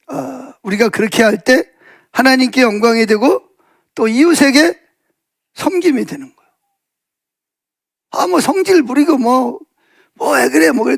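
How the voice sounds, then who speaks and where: A man preaches a Sunday afternoon sermon with a high-pitched voice that carries a gravelly rasp. He tells stories casually, with many fillers and asides, and lifts his voice to play out what others said. The sound is dry and close. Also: no echo. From South Korea. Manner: acts out quoted speech with raised pitch. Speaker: pastor.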